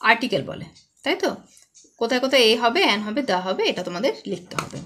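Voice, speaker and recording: A woman's voice: on the high side, lively intonation, fast talker, pushed and bright. A woman with a West Bengal Bengali accent teaching a children's English lesson, patiently asking questions and then answering them herself. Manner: patient, asks and answers her own questions.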